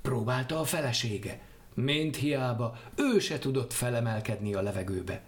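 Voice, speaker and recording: Lively man reading a folk tale. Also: medium pitch. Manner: lively, expressive. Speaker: narrator.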